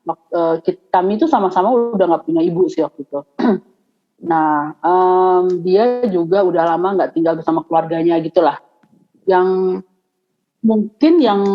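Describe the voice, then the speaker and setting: Woman, casual chat, many fillers, acts out quotes, muffled lo-fi audio. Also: on the low side. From Java, Indonesia. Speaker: podcast panelist.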